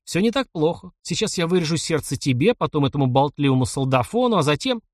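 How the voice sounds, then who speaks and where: A man's voice: on the high side, animated, fast, dry recording, studio quality. A man voicing a scornful, sneering pirate nobleman. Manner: sneering, contemptuous. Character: scornful cornered pirate count, grown man.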